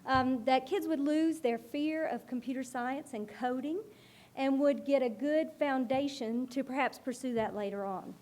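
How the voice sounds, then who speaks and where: At a board meeting, a woman school librarian gives a presentation in a loud, carrying voice. Her pitch sits high and she keeps a moderate pace, explaining things in an earnest way.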